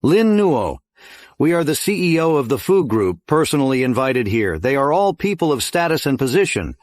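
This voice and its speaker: A man's voice: mid-range voice, sing-song, normal speed, a little mellow, dry recording, lightly acted. A man dubbing a bossy, status-obsessed middle-aged father, recorded dry in a studio. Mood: blustering. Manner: blustering, bossy. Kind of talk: English drama dub.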